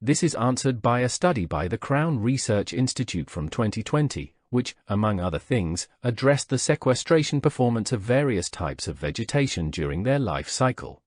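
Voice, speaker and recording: A man from Slovakia giving a prepared conference lecture, with a measured, deliberate delivery and rhetorical questions. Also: mid-range voice, sing-song, no echo, clean studio sound. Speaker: lecturer, vice president of a research institute.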